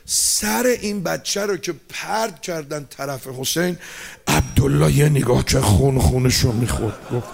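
A man's voice: medium pitch, creaky, slightly rough. A man giving a mourning sermon, lamenting and chanting with emotion. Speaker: mourning preacher.

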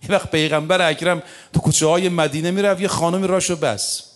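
A man delivers a religious sermon in a slightly high voice. He tells stories briskly and slows down to recite scripture in measured Arabic. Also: steady tone. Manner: recites Arabic verses slowly, then tells stories in fast colloquial Persian. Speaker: preacher.

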